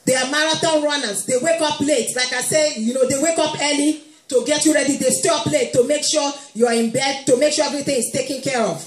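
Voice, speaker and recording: Woman preacher, high voice, playful, echoey church hall with faint music behind. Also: fairly even intonation, fast. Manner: warm humorous preaching, playfully quoting moms, laughing. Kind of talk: sermon.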